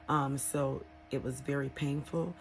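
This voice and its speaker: A woman talking casually and candidly in an unscripted personal vlog, rambling a little with hesitant pauses. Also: very deep voice, fairly even intonation, vocal fry, a little hiss or hum. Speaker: vlogger sharing a recovery experience.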